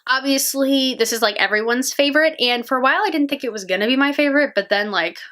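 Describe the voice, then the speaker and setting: A woman's voice: high voice, fast, sharp tone. A young woman chatting casually about her favorite books, gushing and peppering her talk with "like". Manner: gushing and chatty, heavy use of "like". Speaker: book vlogger. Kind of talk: casual book review vlog.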